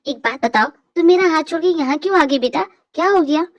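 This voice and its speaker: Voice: sits high, dry recording, muffled recording. A voice actor playing a caring adult who finds a little girl and reassures her, in an amateur audio drama. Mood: reassuring. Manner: quick, reassuring.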